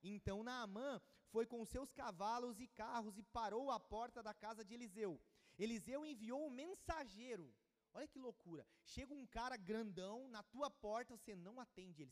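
A man's voice: high-pitched, animated, normal speed. A man preaching a sermon, reading scripture and adding informal, slangy asides. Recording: long hall reverb.

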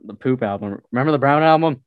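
A man's voice: medium pitch, fast, dry recording, phone-quality sound. A young man in casual chat, laid-back and joking, saying "dude" often.

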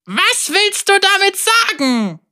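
A woman's voice: very high voice, big pitch swings, slow, voice pushed up, exaggerated voice. A woman playing a shrieking, gloating evil wizard. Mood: indignant. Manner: cackling, gloating, shouting. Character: vain theatrical male evil wizard, boastful.

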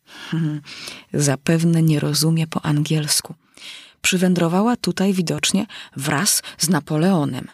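A woman's voice: low-pitched, steady tone, a little slow, darkish tone, husky, no room sound, clean studio sound, heavily acted. Woman reading as a fretful little girl. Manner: wondering aloud, dramatic sighs. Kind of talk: storybook reading.

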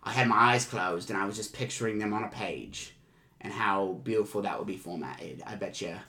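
A man hosting a comedy show in improvised chat, talking in a rambling, halting and effusive way. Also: on the low side, pushed and bright.

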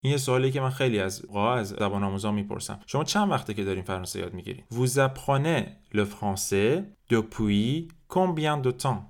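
A man whose first language is Persian teaching a French lesson on a podcast, with quick explanations and slow repeated drills. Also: on the low side, expressive.

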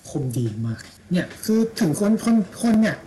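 A man's voice: sits high, sing-song, moderate pace, mellow, a little hiss or hum, poor audio. A man in casual chat, blunt and slangy, with mocking asides.

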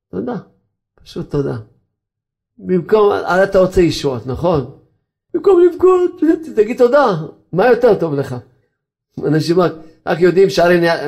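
A male rabbi delivering an animated sermon in a gravelly, raised register. He keeps asking rhetorical questions and often breaks into chuckles. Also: on the high side.

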